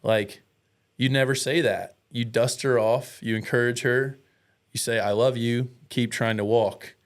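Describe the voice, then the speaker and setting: An American man appears as a guest, speaking at an unhurried pace in a medium-pitched, fairly even voice. He tells personal stories candidly and casually, with earnest, self-deprecating, slangy speech.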